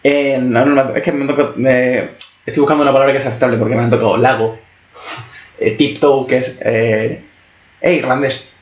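A young man talks quickly and teases his friend while asking questions. The sound is dull and lo-fi, with an echoing room around him. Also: medium pitch, fairly even intonation. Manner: fast, teasing, asks questions. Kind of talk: casual chat.

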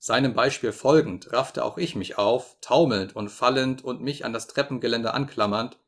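Man reading an audiobook in a measured way. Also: medium pitch. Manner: measured, slow, dramatic reading. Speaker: audiobook reader. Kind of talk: audiobook narration.

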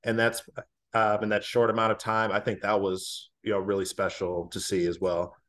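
Low-voiced former player chatting casually. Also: male voice, completely flat delivery, moderate pace, fairly bright tone. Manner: thoughtful, many fillers and restarts. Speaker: former college basketball player, podcast guest. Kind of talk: casual podcast chat.

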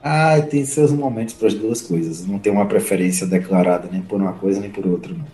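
A man's voice: fairly low pitch, a little fast. Guy w a bahia accent just chatting on a podcast, echoey room, faint music. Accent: Bahian Brazilian Portuguese. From Ilhéus, Bahia, Brazil. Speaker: podcast co-host. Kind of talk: casual chat. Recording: roomy echo, music behind.

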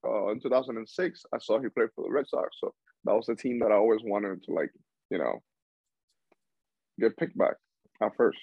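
A man's voice: lowish voice, normal speed, creaky, long pauses, breathy edge, no room sound, highs cut off. A young man from Cuba, a baseball player chatting as an interview guest, rambling with restarts. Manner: rambling with frequent restarts and laughs. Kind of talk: casual interview chat.

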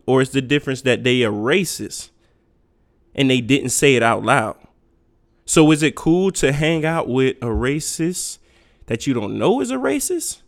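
Profane ranting man with a swooping voice. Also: mid-range voice. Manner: profane, blunt, lecturing. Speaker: podcast host. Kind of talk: unfiltered solo rant.

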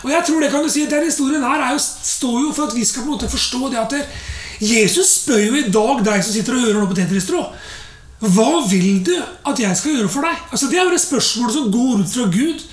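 Woman preaching, high-ish voice, super chatty with lots of fillers, echoey room. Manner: chatty, full of fillers and rhetorical asides. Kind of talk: conversational sermon.

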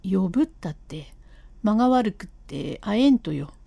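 A woman's voice: lively intonation, moderate pace, creaky, warm tone, breathy edge, no echo. A woman voicing an older male master painter who keeps apologizing yet refuses to give in, in a storybook reading of a classic comic tale. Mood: pleading. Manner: lowered voice, pleading and firm by turns.

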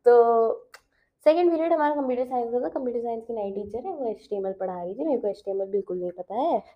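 A woman's voice: on the high side, lively intonation, quick pace, narrow, tinny audio. A teenage girl chatting casually as the host of her own show, mixing in English phrases and laughing often, recorded at home. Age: teens. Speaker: podcast host. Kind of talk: casual chat.

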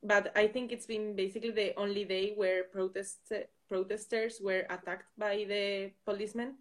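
A woman in her twenties from the Basque Country, speaking with a Basque accent as a non-native speaker, answering live interview questions in a hesitant way with pauses. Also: mid-range voice, little pitch movement. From Basque Country, Spain. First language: not English. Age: 20s. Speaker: guest, student and think-tank intern.

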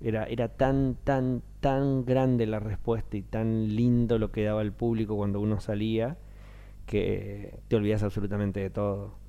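On a muffled recording, a man's fairly low, clean-toned voice moves at a moderate pace. He's a thirtysomething stage actor with a Rioplatense Spanish accent, chatting in an interview and animatedly imitating the people he quotes.

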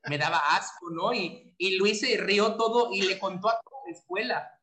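A man's voice: sits high, moderate pace, a little hiss or hum. Self-pitying man recounting a story. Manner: self-pitying, animated retelling. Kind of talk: casual storytelling.

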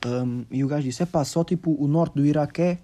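Young lisbon portuguese dude, deep mellow tone, rambly slangy storytime vlog w/ english bits thrown in. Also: male voice, brisk. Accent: European Portuguese, Lisbon. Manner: rambling, slang-heavy, sprinkled with English words. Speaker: vlogger telling a personal story. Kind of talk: casual storytelling monologue.

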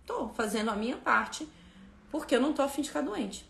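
A woman's voice: sits high, lively intonation, brisk, vocal fry, a bit bright, echoey room, slight background noise. A woman hosting a spiritual lesson on a live stream, speaking fervently and emphatically, repeating phrases and turning to her viewers.

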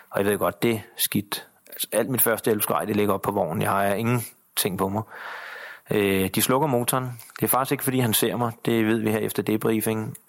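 Lower-voiced man recounting combat, halting. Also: gravelly. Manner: halting, many fillers and restarts. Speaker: interview guest, soldier. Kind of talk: personal war account in interview.

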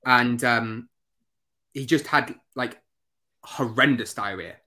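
A man's voice: mid-range voice, slow, sharp tone. A man co-hosting a casual podcast, telling rambling stories with fillers and a bit of swearing. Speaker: podcast co-host. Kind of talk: casual chat.

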